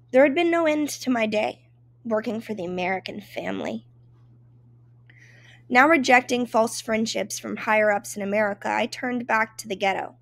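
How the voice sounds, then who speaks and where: A woman's voice: on the high side, dry recording. A woman reading a first-person memoir aloud in an emotive, dramatic storytelling manner. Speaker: reader.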